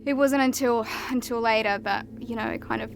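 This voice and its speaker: A young woman from Ukraine, a journalist, giving measured, reflective documentary narration. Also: fairly high pitch, steady tone, vocal fry, background noise. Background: music.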